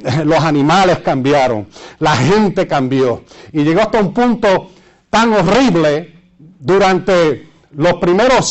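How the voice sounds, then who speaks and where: A man with a Puerto Rican Spanish accent preaching and reading scripture, repeating phrases for emphasis and pausing to search for words. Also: high-pitched, lo-fi sound. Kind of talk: sermon with Bible readings and asides to listeners.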